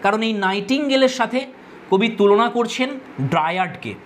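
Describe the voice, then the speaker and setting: A woman's voice: medium pitch, lively intonation, normal speed, background noise. A woman teacher explaining a poem line by line, addressing her students directly and repeating key terms. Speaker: English literature teacher.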